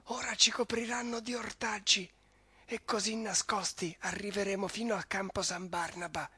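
A man reading a story and voicing a scheming male rat in a breathy half-whisper. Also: high voice, little pitch movement, moderate pace, pushed and bright, no echo, voice pushed up, exaggerated voice. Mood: urgent, hushed.

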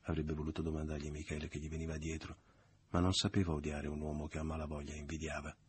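A man narrating a novel as an audiobook, in a measured, even literary reading. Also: rumbling low, breathy edge.

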